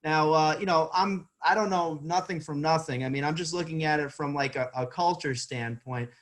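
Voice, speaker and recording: A man's voice: on the high side, moderate pace, a bit bright. A man hosting a casual interview, who asks loose, hesitant questions full of fillers. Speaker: interview host.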